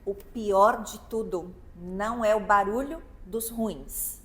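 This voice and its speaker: A woman's voice: mid-range voice, slow, a bit bright. A young adult woman with a Brazilian Portuguese accent, co-hosting a podcast in a reflective, conversational casual chat. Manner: reflective, conversational, seeks agreement. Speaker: podcast co-host.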